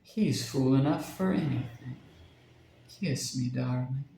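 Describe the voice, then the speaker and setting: A man's voice: mid-range voice, slow, dark tone, very echoey, a little hiss or hum. Man whispering as a sinister mimicking parrot.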